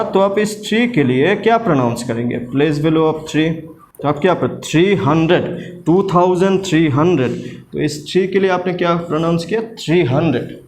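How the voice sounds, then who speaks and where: A male maths tutor with a voice a little higher than most men's. He explains step by step, poses questions to his students and answers them himself, and drops English maths words into his sentences. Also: a little mellow. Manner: mixes English maths terms into Hindi.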